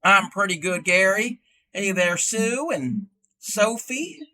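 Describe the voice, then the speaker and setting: A man playing a chatty ninety-year-old grandmother who hosts a livestream, rambling folksily and halting with fillers. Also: high-pitched, bright, forceful tone, heavily acted. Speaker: livestream host showing crochet. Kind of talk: in-character livestream chat.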